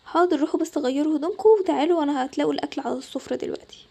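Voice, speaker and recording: A caring, soothing mother, as a woman with an Egyptian Arabic accent puts her on for a toy-game story. The voice sits very high yet sounds dark and mellow, and the words come out at a rapid clip. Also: vocal fry. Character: caring patient mother of two girls.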